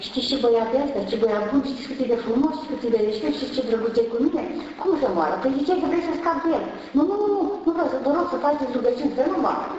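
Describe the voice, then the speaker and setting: A woman's voice: a little high, animated, few pauses, a little mellow, slight background noise, lightly acted. Anxious young wife, pleading; a nun quoting her, distant echoing hall with dull sound.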